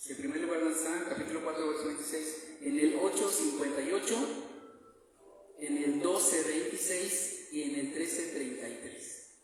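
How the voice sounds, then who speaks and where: A man preaching a Bible teaching sermon to a congregation, deliberate, repeating references and asking listeners rhetorical questions. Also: on the high side, a little hiss or hum. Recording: very echoey hall, mic far off.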